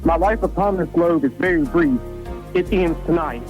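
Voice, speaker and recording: A man's voice: on the high side, moderate pace, muffled recording. A man playing an aged Christmas ghost in a radio play, grave and archaic, through a radio-like filter. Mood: solemn, foreboding. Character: aged ghost of Christmas present, solemn and warning. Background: music.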